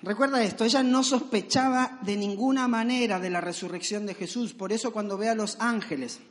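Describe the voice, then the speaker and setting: A male pastor with a very high voice preaches in a loose, storytelling way, peppering his sermon with rhetorical questions. His voice rings out with long reverb from a large hall. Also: fairly even intonation, brisk.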